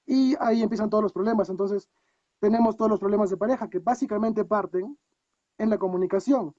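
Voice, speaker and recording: This guest coach, a man from Peru with a Peruvian Spanish accent, speaks briskly in a high, mellow voice during a casual video-call interview. He reflects as he goes, asking himself many rhetorical questions, and the audio is dull with no room sound.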